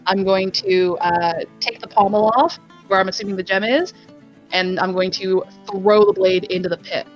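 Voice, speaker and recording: A woman's voice: mid-range voice, fairly even intonation, moderate pace, lo-fi sound, faint music behind. A woman playing in a tabletop game, giggly and a bit hesitant as she describes her moves. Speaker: player.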